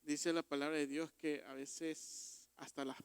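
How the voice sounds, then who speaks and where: A man preaching a sermon as pastor, emphatic and rising to loud exhortations. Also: a little high, flat delivery, unhurried, creaky, clean tone, dry recording. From Ecuador.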